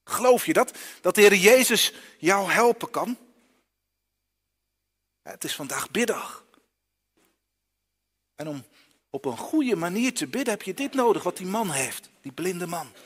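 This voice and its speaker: A man gives a children's sermon in a church and keeps asking the young listeners questions. His fairly high voice rises and falls in a lively way. A long reverb trails after his words. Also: a little slow, long pauses, breathy edge. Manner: asks the listeners questions directly. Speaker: preacher.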